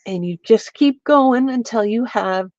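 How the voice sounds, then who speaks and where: A woman with a stuffy, congested voice, slowly walking viewers through a craft step by step and chatting with them as she works. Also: a little high, animated, darkish tone, dry recording, lo-fi sound. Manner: slow, meandering, chats with viewers while working. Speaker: craft livestreamer. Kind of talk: casual craft demonstration. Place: home, at her lap.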